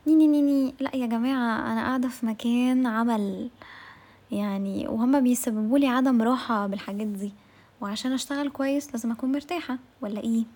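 A woman's voice: fairly high pitch, steady tone, quick pace, darkish tone. A woman with an Egyptian accent hosting a podcast, telling a comic office diary in a chatty, sarcastic way with asides to her listeners. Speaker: podcast host and narrator. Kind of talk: comic diary-style storytelling.

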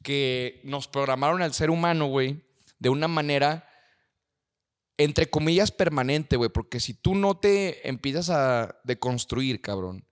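A man's voice: medium pitch, expressive, a little slow, clear, resonant tone. A man with a Mexican accent co-hosting a casual podcast, talking in crude slang and saying "güey" constantly. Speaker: podcast co-host. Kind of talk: casual chat.

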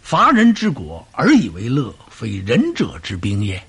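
A man voicing a cool, stern male strategist who speaks in low, clipped commands, in a traditional storytelling performance. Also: huge pitch swings, a little slow, gravelly, a bit bright, breathy edge, heavily acted. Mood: measured.

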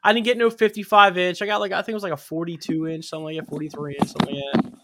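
Still recovering from covid and unable to smell, this man talks about it in a casual podcast chat, wandering and circling back over the same points. He speaks very fast in a flat, higher-leaning voice, and the audio is very noisy.

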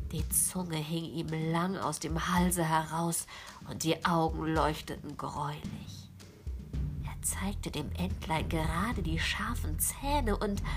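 Brief: female narrator for a fairy tale, slow and hushed, with music under her. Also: medium pitch. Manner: slow and gentle, often dropping to a whisper. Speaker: storyteller. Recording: with music behind.

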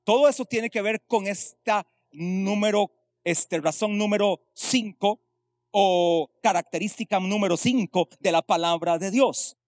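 A man's voice: high voice, measured pace, dry recording. A male pastor preaching a sermon, explaining Greek words and asking rhetorical questions.

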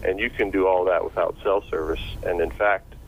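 A man's voice: low-pitched, steady tone, a little fast. A man heard over a phone line, explaining a topic patiently, step by step. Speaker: guest expert. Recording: dull phone line, faint noise.

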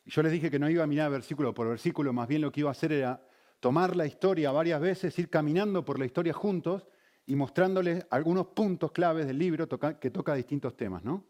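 A man's voice: on the high side, fast, darkish tone. A man preaching a sermon, engaging the congregation with frequent questions. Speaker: pastor.

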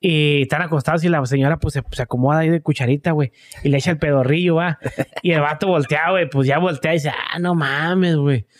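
A man's voice: fairly high pitch, fairly even intonation, fast talker. A young Mexican man co-hosting a podcast, telling jokes in slangy casual chat and tacking "güey" onto nearly every phrase. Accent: Mexican Spanish. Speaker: podcast co-host.

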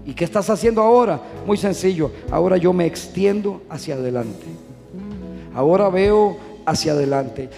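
A man's voice: high-pitched, lively intonation, normal speed, vocal fry, a little mellow, long reverb tail, faint music behind. A male pastor preaching a sermon, with impassioned, repetitive phrasing.

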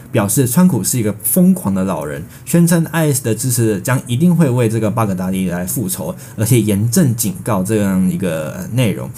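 His voice is on the low side and mellow as he delivers breaking news, partly scripted and partly ad-libbed to bridge segments, with a Taiwanese Mandarin accent. Wordy filler phrases and mid-sentence word restarts recur, and a slight hiss or hum is audible.

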